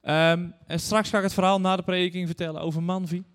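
A guest preacher in his thirties or forties gives an earnest sermon, moving between scripture and personal stories while addressing the congregation directly. His level, slightly bright voice sits a touch higher than most men's and moves at a quick pace. In the large church hall it rings out with a long reverb trail.

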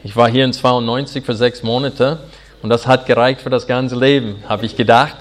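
American man preaching in halting German. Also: medium pitch, steady tone. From Arkansas, USA. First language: English. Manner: earnest, halting German with fillers. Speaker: pastor. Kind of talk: sermon.

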